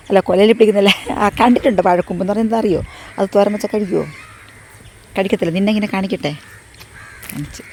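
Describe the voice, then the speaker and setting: A woman walking a rural path on a casual vlog, hoarse from losing her voice, chatty and rambling as she repeats herself. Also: lowish voice, mellow, slight background noise. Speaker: vlogger. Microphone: phone front camera at arm's length.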